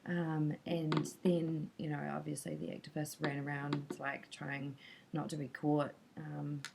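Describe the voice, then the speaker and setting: A woman's voice: low-pitched, completely flat delivery, a little slow, creaky, noisy background. A woman casually recapping a talk she attended, chatty and hesitant with many filler sounds. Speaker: vlogger recapping a conference talk.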